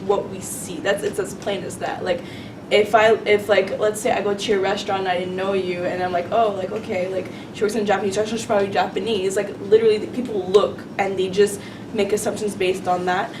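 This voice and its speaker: Animated young woman student, distant mic. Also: mid-range voice. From Canada. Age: young adult. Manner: animated and opinionated, heavy use of "like". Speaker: student panelist. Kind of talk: panel discussion. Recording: distant mic with clear background noise.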